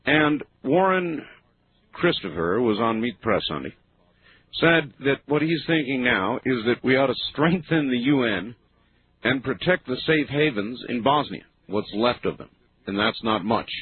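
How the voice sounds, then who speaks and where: A man hosting a talk radio show, giving earnest, argumentative commentary and musing aloud, often dropping low at the ends of phrases. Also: animated, a little slow. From United States. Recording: tinny lo-fi radio broadcast.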